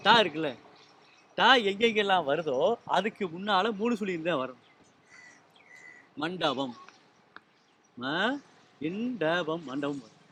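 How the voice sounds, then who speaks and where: High-voiced man teaching spelling rules. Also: a little hiss or hum. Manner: patient, quizzes listeners with repeated questions. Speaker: Tamil language teacher. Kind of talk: explaining spelling rules to a small group.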